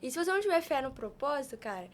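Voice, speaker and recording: A Brazilian woman with a high-pitched voice races along with big pitch swings, over a little hiss or hum. Appearing as a podcast guest, she gives a conversational, faith-based motivational talk in an earnest, emphatic, colloquial way.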